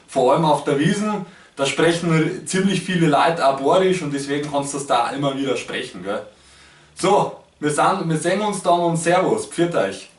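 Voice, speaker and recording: A man's voice: a little high, recorded from a distance. A man from Munich with a Bavarian accent, a YouTuber doing playful imitations of German regional dialects in a casual vlog. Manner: hops between German dialect voices. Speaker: language YouTuber. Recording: echoey room, voice a bit off-mic.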